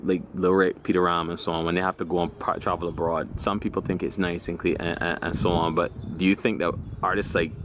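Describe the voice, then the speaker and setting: Man, Bajan accent, lowish voice, casual host posing questions, clear background noise. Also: level tone, fast talker, few pauses. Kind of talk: casual chat.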